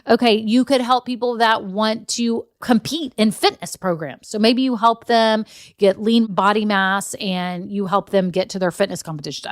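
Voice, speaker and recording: A woman's voice: a little high, no room sound, clean studio sound. A woman, hosting a casual solo podcast, chatty and encouraging with frequent asides. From Texas. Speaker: podcast host.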